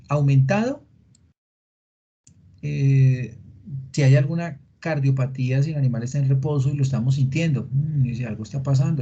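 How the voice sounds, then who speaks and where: A veterinary lecturer teaches a class in an online meeting, going through things step by step, asking his students questions and filling pauses with "eh." His voice is mid-range, warm and husky, picked up by a computer mic in a video call, and the meeting recording sounds dull and lo-fi.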